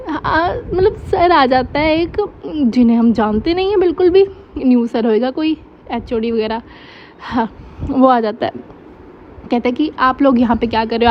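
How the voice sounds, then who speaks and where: A young woman telling a college story in a casual storytime, chatty and animated, acting out the dialogue. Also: high-pitched, dull audio, a little hiss or hum. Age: young adult.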